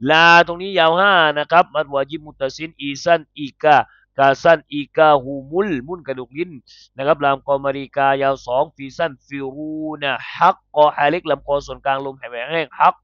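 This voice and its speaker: A man's voice: a little high, fairly bright tone, clean tone, dry recording, highs cut off. A man teaching the Quran, patiently explaining letter sounds and vowel lengths step by step. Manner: drawn-out melodic chanting, then patient step-by-step explanation. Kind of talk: slow Quran recitation, then explaining pronunciation.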